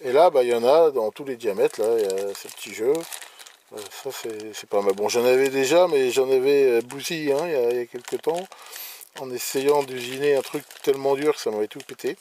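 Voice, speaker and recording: An electronics hobbyist casually shows off gear he has bought, hesitating often, restarting sentences and using lots of fillers. He has a mid-range, mellow male voice, speaks briskly, and there's a slight hiss or hum.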